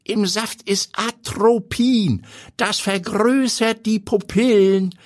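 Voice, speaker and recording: A man voicing an elderly grandfather who explains things slowly in a lecturing way, with a husky edge. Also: high-pitched, fairly even intonation, pitched above the performer's own voice. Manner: slow, lecturing.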